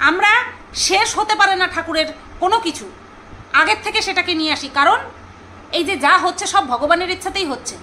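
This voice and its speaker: A woman chatting casually to her viewers, gossipy and talkative, often pausing to search for names aloud. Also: very high voice, pushed and bright, a little hiss or hum, poor audio. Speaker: vlogger reviewing a serial.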